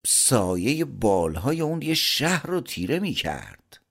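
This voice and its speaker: A man voicing a clever, cheerful young male traveler who speaks calmly and confidently. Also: medium pitch, vocal fry, slightly rough, full character voice. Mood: sly.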